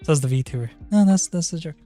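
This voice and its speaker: A man's voice: on the high side, animated, quick pace, mellow. A man chatting casually on a livestream in an informal, sweary, rambling way. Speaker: streamer. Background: background music.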